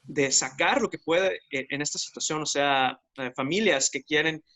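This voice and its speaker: A man's voice: fairly high pitch, moderate pace, sharp tone. A man with a Mexican accent co-hosting a casual discussion podcast, reflective and critical as he thinks aloud. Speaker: podcast co-host.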